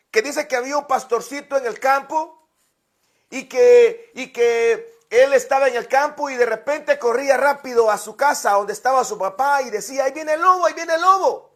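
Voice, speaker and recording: Male pastor, very high voice, storytelling sermon, repeats himself, talks right to the congregation. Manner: repeats words, addresses listeners directly.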